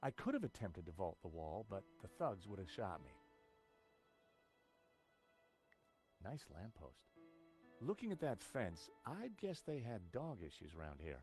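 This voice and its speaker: An actor playing a wry, quick-witted male adventurer who narrates his own game story with dry understatement. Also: fairly low pitch, big pitch swings, a little mellow, soft background music. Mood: musing. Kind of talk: voiced game dialogue and narration.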